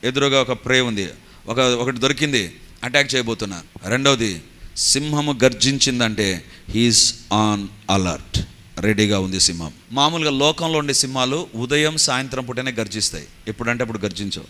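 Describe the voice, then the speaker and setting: A man preaching a sermon, telling stories with animated rising exclaims and slipping English phrases in. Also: mid-range voice, moderate pace. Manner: mixes English phrases into Telugu. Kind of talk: Telugu sermon.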